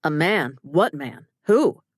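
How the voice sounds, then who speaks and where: A grown man who starts off easygoing and slangy, then turns rattled and disbelieving, read by a woman narrator. The voice sits a little low and is recorded dry and close. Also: big pitch swings, slow, no echo, exaggerated voice. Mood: alarmed. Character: breezy grown man, a restaurant-owner husband.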